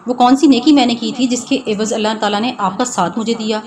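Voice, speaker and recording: A woman voicing a timid young wife who speaks softly and pleads. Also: fairly high pitch, fairly even intonation, natural voice. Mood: tender. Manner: pleading, soft. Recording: noisy background hiss.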